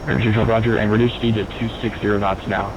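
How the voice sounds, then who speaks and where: A man's voice: on the low side, level tone, rapid-fire, highs cut off. A man working as an air traffic controller, giving clipped, procedural radio instructions in standard phraseology. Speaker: air traffic controller on online flight simulation network. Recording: noisy radio with aircraft drone.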